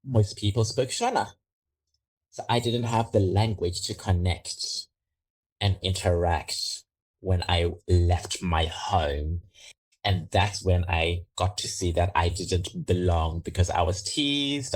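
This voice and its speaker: Very deep and darkish, this middle-aged Zimbabwean man's voice moves slowly and deliberately as he responds to an interviewer on a podcast. He comes across as reflective, telling his story thoughtfully and choosing each word with care, keeping a measured pace from start to finish.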